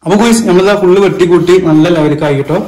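A man's voice: sits high, very fast, darkish tone. Echoey man vlogging in English-sprinkled Malabar Malayalam. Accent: Malabar Malayalam, northern Kerala. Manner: mixes English words and catchphrases into Malayalam. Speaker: cooking vlogger. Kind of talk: casual chat to viewers while cooking. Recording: roomy, echoing indoor sound.

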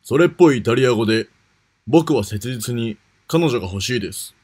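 A man's voice: medium pitch, expressive, fairly quick, a little mellow, husky. A man reading scripted announcements as a contest announcer.

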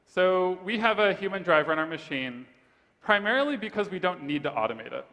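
A man pitching his startup on stage, then answering judges' questions in a steady, rehearsed way. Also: fairly quick. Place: large event hall stage. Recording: reverberant conference hall.

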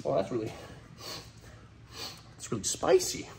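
A young man hosting a hands-on animal vlog as a reptile keeper, excitable and playful, moving between hushed murmurs and loud exclamations. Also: medium pitch, unhurried, vocal fry, roomy sound, poor audio. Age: young adult. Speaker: wildlife host, reptile keeper. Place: large indoor reptile room with concrete floor. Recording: room noise, camera mic.

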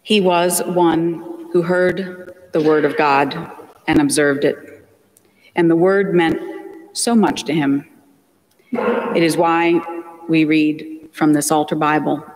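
Slow, solemn man preaching in a reverberant church. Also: on the high side, steady tone. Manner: slow, measured, solemn delivery with deliberate pauses. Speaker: priest. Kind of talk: reading the Gospel and preaching a funeral homily. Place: large church, at the pulpit. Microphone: distant pulpit mic, far camera.

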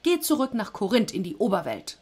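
A woman's voice: mid-range voice, big pitch swings, moderate pace, darkish tone, husky. A woman voicing an angry, greedy male god of the underworld who gives commands indignantly.

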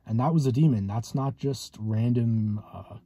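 A man in his twenties talking casually to camera in a hesitant, halting way, with a slightly husky voice, inside a car. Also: mid-range voice, dark tone, no room sound, studio quality. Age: 20s. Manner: hesitant, halting with long pauses. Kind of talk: casual vlog monologue.

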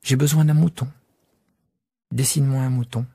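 A man voicing a gentle, curious little boy prince in a storybook reading, softly and often half-whispered. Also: medium pitch, fairly even intonation, normal speed, vocal fry, slightly rough, no room sound, clean studio sound, voice pushed up. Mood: pleading.

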